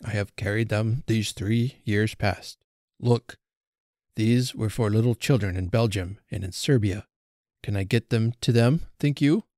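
A man's voice: on the low side, a little slow, a little mellow, no echo, clean studio sound, close to an everyday voice. A man voicing a sorrowful, frail old Father Christmas who talks in a trembling, mournful and pleading way. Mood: sad.

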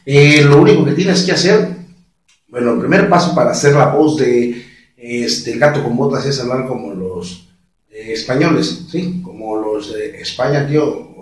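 A man's voice: medium pitch, lively intonation, normal speed. Chatty man, echoey. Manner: chatty, explains step by step with many fillers and little laughs. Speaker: voice impressionist, tutorial host. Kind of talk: casual spoken tutorial. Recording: very echoey room, distant mic.

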